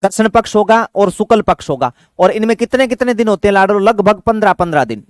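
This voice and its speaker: In a dry recording, a high-pitched man with lively intonation teaches an exam-prep session in a fatherly manner. He asks questions and answers them on his own, and he chants memory tricks slowly.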